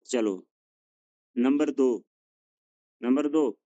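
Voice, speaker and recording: A man teaching an Arabic lesson, drilling students with questions, patient and encouraging as he corrects them gently. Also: medium pitch, extremely slow, dry recording, highs cut off.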